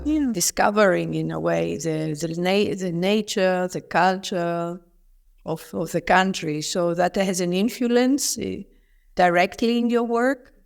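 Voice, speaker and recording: A woman interviewer on a video call, asking conversational questions in halting, searching phrasing. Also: on the low side, vocal fry.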